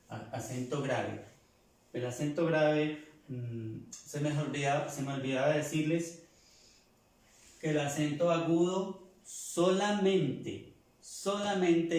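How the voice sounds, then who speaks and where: A man teaching a language lesson, repeating words slowly to drill their pronunciation. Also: mid-range voice, darkish tone, far from the mic. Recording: echoey room, voice from off-mic.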